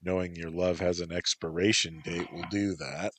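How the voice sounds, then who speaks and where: A man's voice: sits low, fairly even intonation, normal speed, husky, dry recording. A man voicing a weary, wry young man who grumbles about how he is treated, read as a storybook. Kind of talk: storybook narration.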